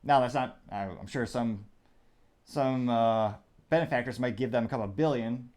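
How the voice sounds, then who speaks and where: A man's voice: medium pitch, moderate pace, a little mellow. A male host delivers casual political commentary. He talks in a chatty, meandering way and often thinks aloud. He drops dry, sarcastic asides along the way. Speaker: show host.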